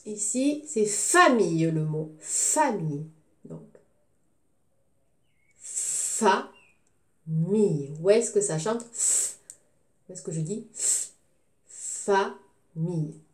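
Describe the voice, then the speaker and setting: A woman teaching a recorded phonics lesson to young children, sounding out syllables slowly and clearly. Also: mid-range voice, very animated, echoey room. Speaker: kindergarten teacher.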